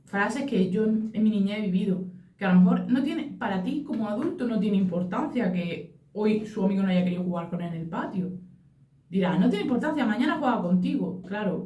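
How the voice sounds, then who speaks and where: Earnest woman, dark roomy sound. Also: medium pitch, far from the mic. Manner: earnest, acts out quoted phrases. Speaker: podcast co-host, mother. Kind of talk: casual reflective chat. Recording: roomy echo, off-mic.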